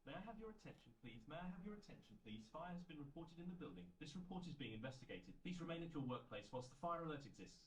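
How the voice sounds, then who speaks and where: A man's recorded alarm announcement played through a public address loudspeaker, delivered in a fast, even, automated way. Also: fairly high pitch, slight background noise. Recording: echoey room, loudspeaker playback.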